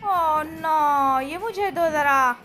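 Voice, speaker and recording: Very high-pitched bright woman, playful voice-over. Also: very slow, soft background music. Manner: exclaiming, sing-song, childlike cheer. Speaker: voice-over for a kids' comedy skit channel. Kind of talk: playful voice-over dubbing skit characters.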